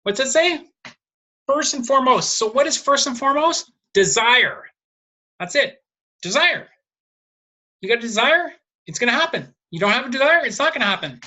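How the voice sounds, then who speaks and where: A woman's voice: high-pitched, sing-song, moderate pace, pauses often, bright, forceful tone. Emphatic woman, repeating herself for effect. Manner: emphatic, repeats points and answers own rhetorical questions. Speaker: numerology video host. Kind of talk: solo video monologue.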